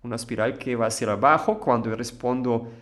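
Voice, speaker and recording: A man giving a calm, explanatory spiritual talk as a teacher, often asking rhetorical questions and then answering them. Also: mid-range voice, a little fast.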